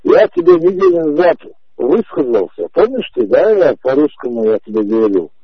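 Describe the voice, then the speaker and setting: A man in his forties arguing over the phone, calmly insistent and repeating himself to drive each point home. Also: fairly high pitch, normal speed, vocal fry, husky, no room sound. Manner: insistent, repetitive, calmly emphatic. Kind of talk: heated phone conversation. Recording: muffled phone-call audio.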